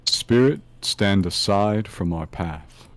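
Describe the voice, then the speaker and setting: A low-voiced, gravelly ghostly psychic acted by a man at a game table. He is grave and solemn, addressing spirits with command. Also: expressive, slow pace.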